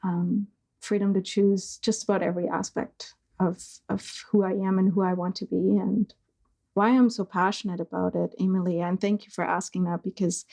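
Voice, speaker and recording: A middle-aged woman from East Germany, speaking slowly and hesitantly as a guest, with many pauses and fillers. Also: medium pitch, vocal fry, mellow. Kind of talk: reflective conversation.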